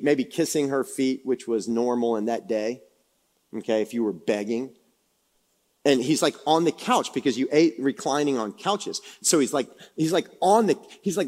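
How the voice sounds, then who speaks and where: A man preaching a sermon in a conversational, animated way, acting out Bible scenes as he goes. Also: mid-range voice. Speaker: pastor.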